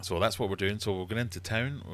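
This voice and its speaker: A middle-aged man from Glasgow, Scotland, with a Glaswegian accent, hosts a livestream and quiz, chatting casually and ramblingly over viewer comments. His pitch sits fairly low and he talks fast.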